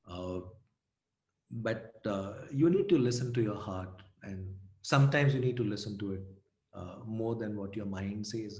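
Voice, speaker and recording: A man from India telling anecdotes in an interview, bringing quoted people to life in an animated way. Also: fairly low pitch, roomy sound. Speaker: storyteller and guest. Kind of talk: conversational interview.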